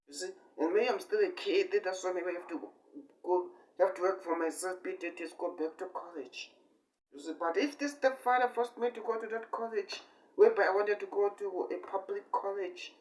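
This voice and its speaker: Heard through a far-off microphone, a 20-something man who speaks online as an amateur talks in a rambling, unscripted way. His voice is fairly high for a man, and he stops and starts in brief phrases, circling back to the same points and punching certain words hard.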